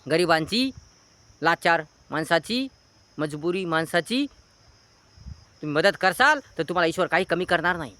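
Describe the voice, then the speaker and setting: A man's voice: fairly high pitch, lively intonation, normal speed, long pauses, pushed and bright, poor audio. A man giving a moral sermon, stacking short commands one after another. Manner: repetitive, list-like exhortation. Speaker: moral speaker.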